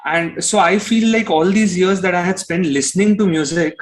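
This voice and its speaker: This interview guest, a young singer-songwriter with an Indian accent, has a high voice and speaks at a moderate pace. His answers are casual and reflective as he explains things.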